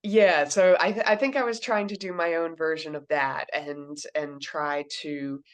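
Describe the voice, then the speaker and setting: Author lady from kentucky, lowish voice, explains stuff gently and simply for a kid. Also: steady tone, a little slow. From Kentucky, USA. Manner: thoughtful, explains things simply to a child. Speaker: children's book author. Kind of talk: interview answers.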